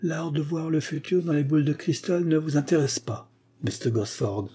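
A man voicing a composed, ironic gentleman who calmly lays out a swindler's fraud in a spoken story. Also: fairly high pitch, husky, voice pushed up. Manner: calm, pointed, unhurried accusation.

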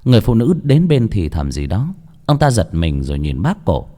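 Animated male ghost-story narrator. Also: fairly low pitch, moderate pace, in a large hall. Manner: dramatic, animated.

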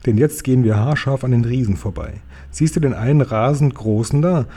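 A man voicing a kind, gentle friendly giant in a storybook audiobook, playful and full of made-up words. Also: mid-range voice, fairly quick, breathy edge, close to an everyday voice. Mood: hushed, nervous.

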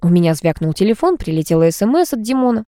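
A woman narrating a first-person audiobook in a lively, expressive reading style. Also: medium pitch, quick pace, no room sound, clean studio sound.

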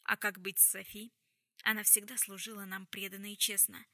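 A woman's voice: mid-range voice, little pitch movement, brisk, pushed and bright, no room sound, studio quality. A woman reading an audiobook, voicing a stern, composed woman who speaks in a cold, level way.

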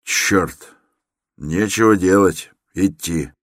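A man reading an audiobook, voicing a gruff, impatient middle-aged man who grumbles irritably. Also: low voice, slow pace, dry recording, studio quality. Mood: grumbling.

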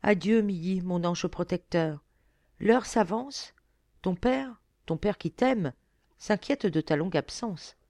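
A woman's voice: fairly low pitch, slow, dark tone, no room sound, clean studio sound. A woman reading a bitter young nobleman. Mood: bitter resigned. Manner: bitter, resigned.

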